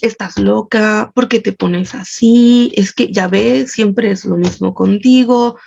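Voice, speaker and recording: A woman's voice: medium pitch, slow, vocal fry, a little mellow, slight background noise. A Mexican woman with a Mexican accent, quoting a controlling, patronizing husband in a condescending tone. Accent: Mexican Spanish. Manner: coaxing then condescending. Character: controlling, patronizing adult husband who gaslights. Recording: dull lo-fi audio.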